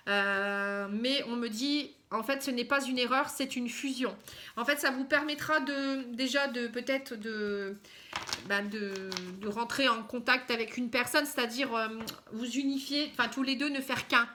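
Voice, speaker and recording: A woman giving a casual tarot reading to camera, halting, with many fillers and a frequent "hein". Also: a little high, fairly even intonation, sharp tone, a little hiss or hum. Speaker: tarot card reader.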